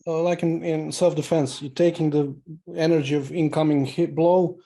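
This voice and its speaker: A man's voice: fairly high pitch, little pitch movement, normal speed, dark tone. A man attending a workshop who asks the instructor questions and compares the technique to self-defense. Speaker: workshop student.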